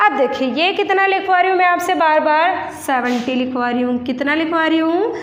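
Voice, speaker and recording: A woman teaching young children in a classroom lesson, speaking slowly and deliberately and spelling out sounds and letters one by one. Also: very high-pitched, muffled recording. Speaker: primary school teacher. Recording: echoey room with long reverb.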